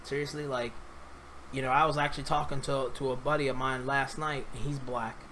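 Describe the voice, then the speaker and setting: A man's voice: mid-range voice, level tone, fairly quick, bright, forceful tone, a little hiss or hum, low-quality recording. A man from New York speaking casually to camera, rambling and earnest, often repeating and restarting his words. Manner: earnest, opinionated. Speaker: vlogger.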